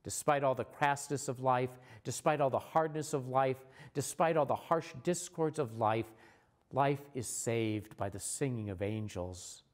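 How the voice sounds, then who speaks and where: A man, a church leader, giving a recorded sermon in a measured, earnest way, slowing down for repeated refrains. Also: medium pitch.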